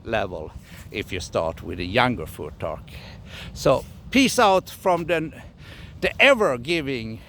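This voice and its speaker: A man from Scandinavia, teaching casually in a halting way, often repeating himself and laughing. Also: on the high side, a bit bright, a little hiss or hum. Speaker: runologist teacher. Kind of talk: casual explanatory lesson.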